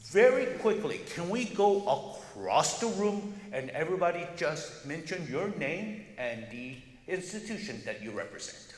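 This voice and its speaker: A festival director hosting a forum speaks to the audience informally, in an emphatic, chatty manner. His voice is a little high and sing-song, a touch slow, with few pauses. The echoey hall adds long reverb and background noise.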